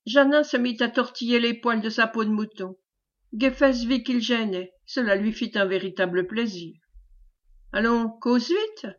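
A woman's voice: a little high, moderate pace. Woman narrating a classic novel. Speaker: audiobook reader. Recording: dull lo-fi recording.

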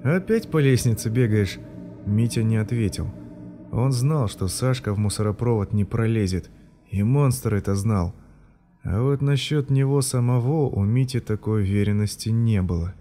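A man reading a story aloud in a measured, even storytelling manner. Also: on the low side, faint music behind. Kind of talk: audiobook narration.

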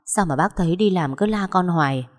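A woman voicing a kind, caring middle-aged woman who speaks gently and with concern, with a long echoing reverb. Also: on the low side, brisk, natural voice.

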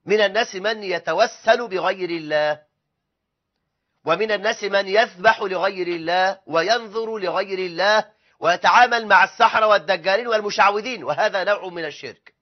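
Impassioned high-voiced Egyptian preacher. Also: male voice, brisk. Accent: Egyptian Arabic. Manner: impassioned, emphatic, swears oaths for emphasis. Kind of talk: sermon. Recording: dull lo-fi recording.

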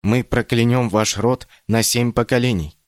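A man's voice: medium pitch, steady tone, normal speed, dry recording, studio quality, lightly acted. A man doing Mama Rila, a loving stern storyteller. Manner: tender, pleading, then proudly stern.

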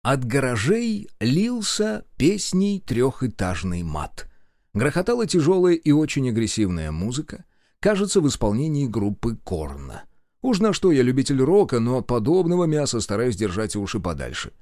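A man narrating an audiobook, gruff and animated in the dialogue. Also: mid-range voice, normal speed, dry recording, studio quality.

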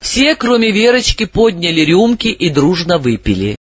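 A man reading a story aloud as an audiobook narrator, with a lively, dramatic delivery. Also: high-pitched, normal speed, husky, no echo. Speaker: audiobook reader.

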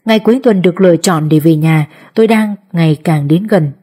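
A woman reading an audiobook as narrator, telling the story in an even manner. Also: fairly low pitch, brisk, slightly rough. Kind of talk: scripted narration.

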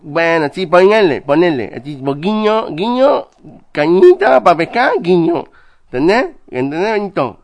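A man's voice: sits high, very animated, moderate pace. A man playing a nervous, tongue-tied married man in a radio comedy sketch, rambling with odd mouthy speech and stammering restarts. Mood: confiding. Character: nervous married man caught in a car, short tongue-tie.

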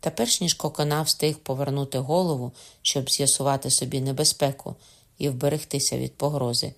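A woman narrating a classic novel as an audiobook reader, in a measured, expressive way. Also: extremely low pitch.

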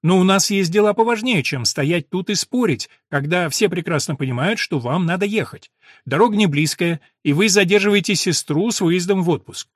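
A man reading an audiobook, voicing a bossy, brisk middle-aged wife who speaks curtly and impatiently. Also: fairly low pitch, lively intonation, dry recording, clean studio sound, pitched above the performer's own voice. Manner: curt and impatient.

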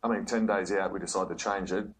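Low-voiced, fast-talking man in interview clip. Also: fairly even intonation, husky. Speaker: retiring player.

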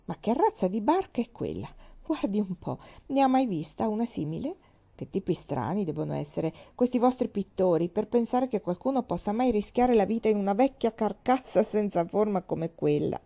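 A woman's voice: medium pitch, big pitch swings, normal speed, creaky, mellow. A woman voicing a hearty, frank old navy admiral who chats on cheerfully in a storybook reading. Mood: jovial. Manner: bluff, chatty and frank.

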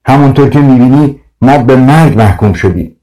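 A man's voice: medium pitch, dark tone, recorded from a distance, natural voice, poor audio. A man voicing a weak, despairing old village elder in a storybook, speaking feebly and resigned.

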